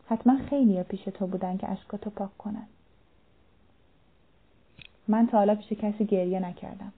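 A woman tells a story at a measured pace, speaking the dialogue of both characters in her own voice. Her pitch sits in the middle range. The sound is narrow and thin, like a phone line. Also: slightly rough. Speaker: narrator. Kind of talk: storytelling narration.

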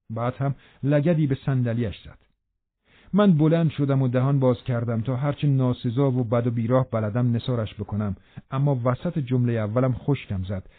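A man reading a novel aloud as a narrator, in a steady, measured way. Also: medium pitch, dry recording. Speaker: audiobook narrator. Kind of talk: scripted narration. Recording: narrow phone-like band.

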